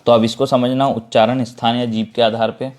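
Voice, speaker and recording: A man's voice: mid-range voice, flat delivery, fairly quick, a little mellow. A man teaching a Hindi grammar lesson, explaining step by step, repeating key terms and checking in with his students. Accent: Madhya Pradesh Hindi.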